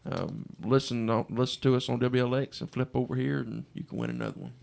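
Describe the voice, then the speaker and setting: Male radio host, mid-pitched with a creaky edge, folksy and casual, running an on-air contest promo. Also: sing-song, fast, darkish tone. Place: radio studio.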